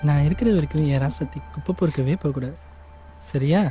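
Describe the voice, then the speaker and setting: A man's voice: on the high side, quick pace, over music, lightly acted. An actor playing a young male driver who coaxes and reassures the woman he is courting. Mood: coaxing.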